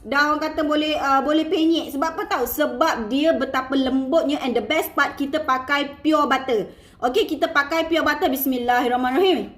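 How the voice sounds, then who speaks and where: A woman's voice: high-pitched, a bit bright, reverberant. A Malaysian woman giving casual, playful marketing tips to her sales team, mixing in English words and laughing often. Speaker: online seller coaching her team.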